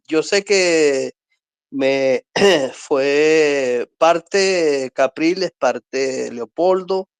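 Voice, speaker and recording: A man's voice: fairly high pitch, no echo. Rambling man, dry close sound. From Venezuela. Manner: warm, rambling, laughing often. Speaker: caller. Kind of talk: casual chat.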